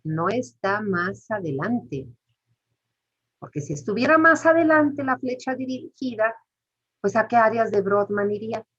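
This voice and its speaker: A woman's voice: on the high side, expressive, measured pace, a bit bright, slightly rough. A woman, teaching a class step by step and putting questions to the students. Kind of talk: lecture. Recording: muffled lo-fi recording.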